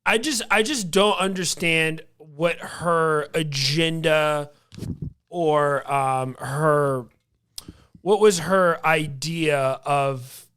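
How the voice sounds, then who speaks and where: A man's voice: on the high side, drawn-out words, a bit bright, smooth. A man co-hosting a casual podcast chat, rambling and restarting his sentences. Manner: rambling, many fillers and restarts. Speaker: podcast co-host.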